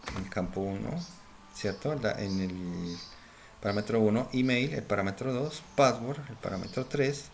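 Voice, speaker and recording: A man walks through a coding lesson in a lowish voice, narrating each step as he types and often checking that viewers follow. Keyboard typing and mouse clicks sit behind him, over clear background noise on a home recording. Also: moderate pace. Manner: thinks aloud while typing, frequent "¿cierto?" check-ins. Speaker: programming instructor. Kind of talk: screen-recorded coding tutorial.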